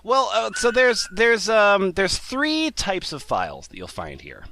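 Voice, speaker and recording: A man hosting a comedy podcast with wry, halting banter and mock-earnest readings. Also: high-pitched, huge pitch swings, pushed and bright, slight background noise. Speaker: podcast host.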